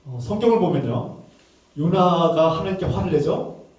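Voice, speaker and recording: A man's voice: on the high side, lively intonation, moderate pace, a little mellow. A male pastor preaching a sermon with emphatic delivery, sometimes acting out angry, pleading prayers in a raised voice. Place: church sanctuary. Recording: echoey church hall, mic at a distance.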